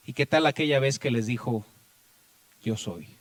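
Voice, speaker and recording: A man with a Mexican accent preaching a Bible study sermon, often addressing his listeners as brothers and swinging between loud raised passages and quiet asides. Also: mid-range voice, expressive, moderate pace, no echo. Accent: Mexican Spanish. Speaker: pastor.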